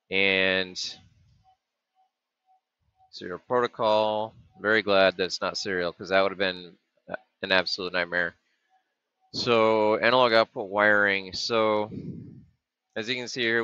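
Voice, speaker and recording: A middle-aged maker explains his project in a casual screen-share, walking through a chip datasheet and circuit board while thinking aloud with frequent ums and restarts. His voice is lowish, sharp and smooth. The webcam audio is dull, dry and lo-fi.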